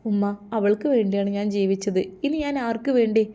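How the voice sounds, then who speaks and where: A woman's voice: mid-range voice, brisk, mellow, natural voice. Woman voicing a weeping young husband. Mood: grieving. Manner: sobbing, pleading.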